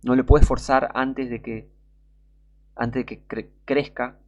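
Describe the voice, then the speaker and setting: Rioplatense man preaching, gravelly edge, presses his points with constant rhetorical questions. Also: mid-range voice, fairly even intonation, slow pace, dull audio. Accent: Rioplatense Spanish. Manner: emphatic, rhetorical questions, repeated checks for understanding. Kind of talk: sermon.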